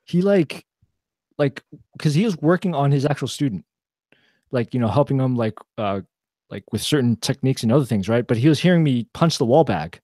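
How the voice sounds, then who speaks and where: Brief: young male co-host, relaxed mellow voice, loose rambling delivery full of fillers. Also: medium pitch, fairly quick, no room sound, clean studio sound. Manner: rambling, lots of fillers and restarts. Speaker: podcast co-host. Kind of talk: casual chat.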